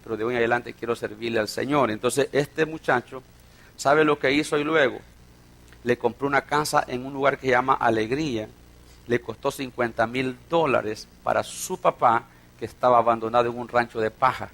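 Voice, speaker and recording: A man preaching a sermon as a pastor, telling a story and swinging between loud and hushed delivery. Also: mid-range voice, fairly even intonation, normal speed, gravelly.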